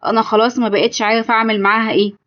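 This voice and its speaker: A woman's voice: fairly high pitch, little pitch movement, rapid-fire, fairly bright tone, dull audio, natural voice. A woman voicing a stressed, complaining grown son with an Egyptian accent, in a told story. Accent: Egyptian Arabic. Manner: complaining, agitated.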